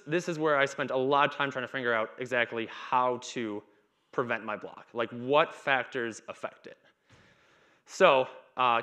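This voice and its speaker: On a dark stage in a conference hall, a man in his thirties gives a talk in a loose, chit-chat manner. His medium-pitched voice sounds pushed and bright, and his speech has stutters, repeats and blocks.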